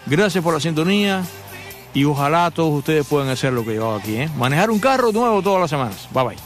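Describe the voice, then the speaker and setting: A man's voice: on the high side, lively intonation, quick pace, faint music behind. A middle-aged man hosting a radio show, telling joking stories and talking straight to his listeners. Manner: chatty joking storyteller, addresses listeners directly. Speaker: radio show host and motoring journalist. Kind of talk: casual radio monologue.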